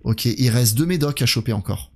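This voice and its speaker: A man's voice: medium pitch, fairly quick, a little mellow. A man streaming a horror game live, thinking aloud and talking to his viewers in a chatty way. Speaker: gaming streamer. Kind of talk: live let's play commentary.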